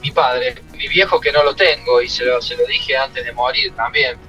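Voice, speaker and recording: A man's voice: mid-range voice, normal speed, pushed and bright, lo-fi sound, faint music behind. A middle-aged man with an Argentine Spanish accent, a former footballer and coach telling stories from his career in an interview. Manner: emotional, reflective storytelling. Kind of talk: interview answers.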